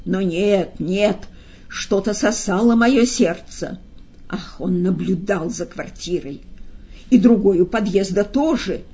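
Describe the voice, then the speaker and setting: A woman putting on a gushing, sly old-world gentleman for an audiobook, breathy and mellow under a dull lo-fi sound. he fusses and exclaims, always flattering. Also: mid-range voice, takes it slowly. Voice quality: effusive, exclaiming. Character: fussy, talkative male retinue member, sly.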